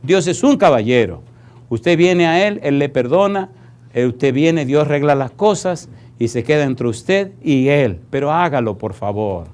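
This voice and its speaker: A male preacher with a voice that sits a little high. He tells stories in a folksy, familiar way, calling his listeners "compadre." He swells into loud, forceful exhortation from the pulpit. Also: lively intonation, a little slow. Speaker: pastor. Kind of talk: sermon.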